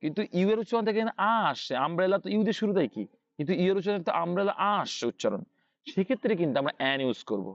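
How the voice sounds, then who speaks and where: A man's voice: sits high, animated, rapid-fire, no echo. Male tutor, raised voice, asks and answers himself, dry dull recording. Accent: Bangladeshi Bengali. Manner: asks and answers his own questions, repeats key points. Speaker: English teacher. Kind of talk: online English grammar lesson.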